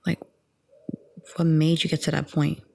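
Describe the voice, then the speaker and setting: A young woman in her twenties, talking in a soft, rambling, calm ASMR chat into a close mic. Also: sits low, unhurried, vocal fry, a little hiss or hum. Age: 20s. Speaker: ASMR audio creator.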